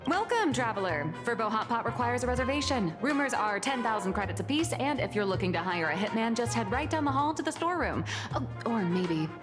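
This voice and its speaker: A woman's voice: on the high side, very animated, a little fast. An actress voicing a smug, scheming woman magazine founder in a game, with a confident, teasing, theatrical delivery. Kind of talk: game voice acting. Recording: game audio with reverb and music.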